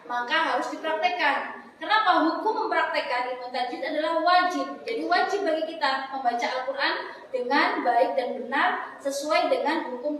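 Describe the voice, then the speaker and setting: A woman teaching Quran recitation rules, chanting Arabic examples slowly and then correcting wrong readings in plain speech. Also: sits high, fairly bright tone, slight background noise. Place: foundation office classroom. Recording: echoey hall, far from mic.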